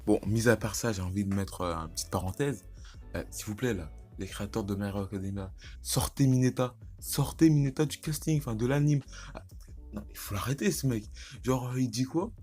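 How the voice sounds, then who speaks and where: A low-voiced teenage man rambles through a casual anime commentary vlog, getting excitable and slangy and restarting his sentences often. Faint music plays underneath the whole time. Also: a little fast. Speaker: YouTuber.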